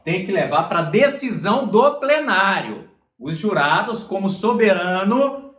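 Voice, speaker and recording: Echoey-voiced male law lecturer. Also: high voice. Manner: explanatory, repeats "olha só" and "tá?".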